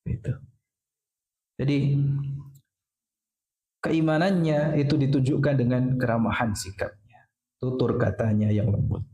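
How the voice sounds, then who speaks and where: A man preaches in an echoey mosque hall with a mellow, medium-pitched voice that barely rises or falls. He speaks a little slowly with long pauses, asking questions only to answer them himself and using "ya" often.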